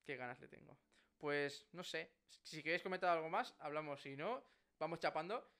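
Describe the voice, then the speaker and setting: A young man with a Spain accent hosting a casual chat in a jokey, animated way. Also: on the high side, normal speed. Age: young adult. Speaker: podcast host.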